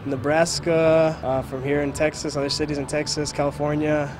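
Young man, souvenir shop worker, flat monotone, hesitant, noisy background. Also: fairly high pitch, normal speed. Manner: plain, hesitant with fillers. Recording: clear background noise.

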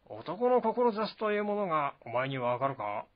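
A booming, swaggering warrior general, as a man reading a novel aloud puts him on, gruff and blunt, pitched well above the reader's own voice. His lines are forceful and loud. The recording is dull and lo-fi. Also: sing-song, unhurried. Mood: boisterous.

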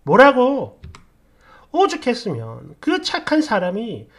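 Woman storyteller, casual narration, blunt and sarcastic, pitch swinging up and down a lot. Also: very animated, a little slow.

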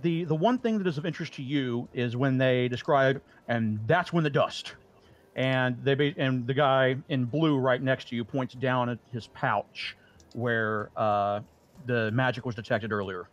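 A man's voice: medium pitch, unhurried, highs cut off. A man narrating as the dungeon master of a tabletop game, often stumbling and repeating words as he describes scenes.

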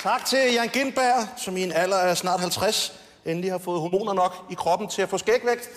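A man's voice: high voice, a crowd in the background. A man giving a roast speech on stage, teasing the guest and laughing at his own jokes. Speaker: roast speaker. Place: TV studio stage with audience. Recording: long hall reverb, faint noise.

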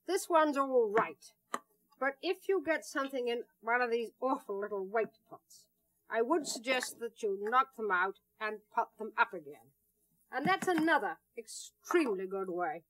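An older woman hosting a television gardening demonstration, talking in a brisk, wry, emphatic way, recorded on an indoor studio set from an old 1960s television tape. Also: fairly high pitch, fairly bright tone. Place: indoor studio set among potted plants.

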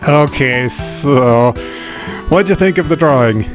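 A man hosts a let's play, translating and commenting on a game with casual, wry, dry humor. His mid-range voice is expressive and slow, with game music in the background.

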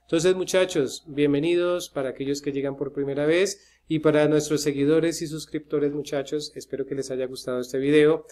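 A man's voice: fairly high pitch, fairly even intonation, moderate pace, hardly any pauses, dark tone. Chatty man teaching pronunciation. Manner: chatty, many "eh" fillers, addresses viewers as muchachos. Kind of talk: casual screen-share lesson.

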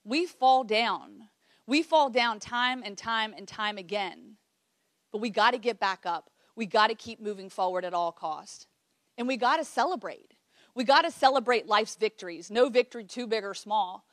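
A woman gives a motivational keynote, telling a story in an energetic, conversational way and speaking straight to the audience. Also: a little high, moderate pace, no echo. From Virginia, United States.

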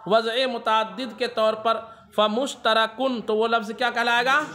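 High bright-voiced male religious teacher. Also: flat delivery. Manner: asks the class a question, then answers it himself; reads Arabic text slowly, then explains it. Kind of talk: classroom lecture.

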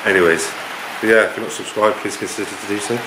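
A British man in his thirties talks in a fairly low voice. He is casual and slangy, hosting a car vlog in a relaxed way. The camera audio carries plenty of background noise. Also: fast talker. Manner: laid-back, slangy, mild swearing. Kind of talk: casual chat to camera and friend. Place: stone garage with metal roof, and inside a car.

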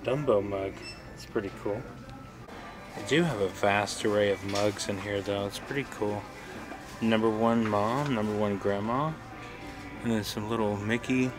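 A man's voice: on the low side, steady tone, measured pace, music in the background. A man talking casually while filming a walk through a gift shop, pointing things out as he goes. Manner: chatty, points things out as he films. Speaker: vlogger.

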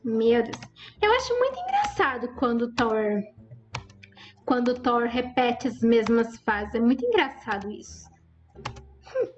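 A woman's voice: a little high, big pitch swings, unhurried, pauses often, muffled recording, a little hiss or hum. A woman giving chatty, exclaiming commentary over her Roblox gameplay and talking straight to her viewers. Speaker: gaming YouTuber.

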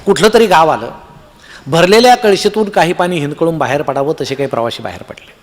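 A man with a Marathi accent spins a comic tale on stage, his voice sitting a little high for a man and ringing with long hall reverb. He jumps into the voices of each person in the story with lively timing. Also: fairly quick. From Maharashtra, India. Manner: animated, acts out voices of the characters in the tale. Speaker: humorous storyteller.

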